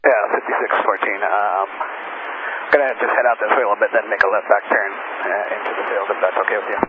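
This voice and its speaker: Male pilot over the radio, hesitant, flat delivery, tinny static-filled line. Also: fairly low pitch. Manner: hesitant, many pauses. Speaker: airline pilot. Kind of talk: radio call to tower.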